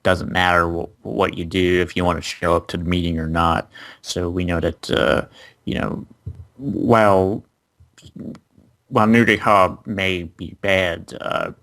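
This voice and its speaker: A man's voice: sits low, fairly even intonation, measured pace, vocal fry, fairly bright tone. A man co-hosting an anime review, recapping the episode plot in casual chat with frequent fillers.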